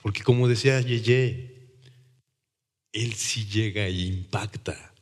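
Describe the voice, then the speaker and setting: A man with a Mexican accent giving a conversational faith testimony, animated and acting out the voices he quotes. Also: fairly low pitch, takes it slowly, slightly rough, big-room sound. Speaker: testimony speaker.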